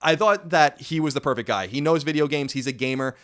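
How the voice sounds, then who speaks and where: Fast-talking man hosting a podcast. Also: fairly high pitch, a bit bright. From United States. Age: 30s. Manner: rambling, self-correcting, wry. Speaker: podcast host. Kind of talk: casual podcast chat.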